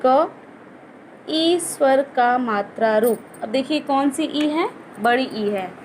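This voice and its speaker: A woman's voice: sits high, a little hiss or hum. A woman teacher giving a patient lesson to young children, explaining step by step and asking questions she answers herself. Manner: slow, patient explaining with many rhetorical questions. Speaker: school teacher.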